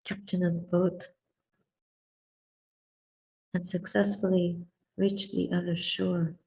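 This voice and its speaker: Very slow, mellow, contemplative woman meditation teacher. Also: lowish voice, creaky, far from the mic, low-quality recording. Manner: calm, deliberate, contemplative, with long pauses between short phrases. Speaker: Buddhist nun teaching and guiding meditation. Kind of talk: Dhamma talk and guided meditation.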